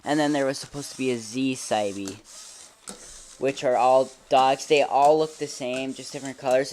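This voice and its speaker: A reviewer giving a casual hands-on demonstration in a halting, informal way, often trailing off. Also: mid-range voice, darkish tone. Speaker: toy reviewer. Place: carpeted living room at home. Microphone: handheld camera held by the speaker. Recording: noisy home video with mechanical clicking. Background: robot toy motor whirring and clicks.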